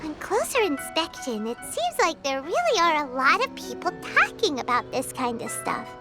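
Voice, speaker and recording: Paimon, a squeaky excitable fairy girl. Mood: curious. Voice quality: very high squeaky childlike voice. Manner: excitable, quick to exclaim. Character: tiny floating fairy girl companion, excitable and nosy. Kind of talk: game voice acting. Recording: game audio with loud music behind.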